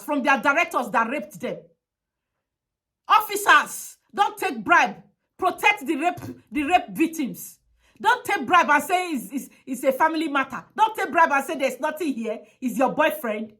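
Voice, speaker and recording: Impassioned woman, high lively voice. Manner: emphatic, repetitive, pleading. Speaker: advocate. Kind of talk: impassioned advocacy monologue.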